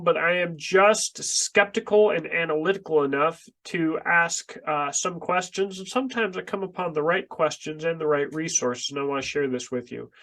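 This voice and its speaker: A man with a blocked nose and short breath talks to camera from his basement workroom, hosting his channel in a halting but emphatic style with the microphone just in front of his face. He owns a small business, and this is a casual vlog monologue. His voice is high-pitched and a bit bright.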